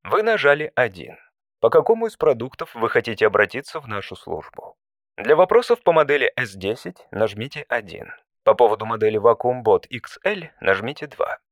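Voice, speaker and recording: An automated support-line menu voice acted out by a man for a comic audio story. It speaks in measured, scripted prompts at a middling male pitch, courteous and deadpan with faint exasperation. The sound is dry, with no room around it. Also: dry recording, lightly acted. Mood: polite, automated.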